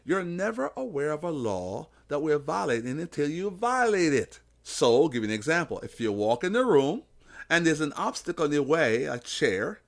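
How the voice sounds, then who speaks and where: A Jamaican podcast host delivers an emphatic, preacher-like motivational talk on faith, illustrating his points with simple analogies. His voice is a little high and gravelly, very animated, at a normal speed.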